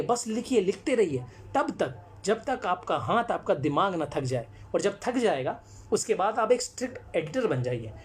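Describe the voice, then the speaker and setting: This man, an actor and storyteller, is the featured guest on a live-stream conversation, talking seriously about his work and replying to comments while dropping in English phrases. He has a high-pitched voice, and there's a faint hiss or hum.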